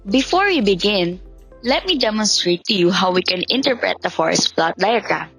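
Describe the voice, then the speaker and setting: A woman's voice: medium pitch, expressive, moderate pace, a bit bright, breathy edge, low-quality recording. A woman giving a scripted, infomercial-style explanation of student research findings. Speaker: student presenter. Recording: background music under the voice.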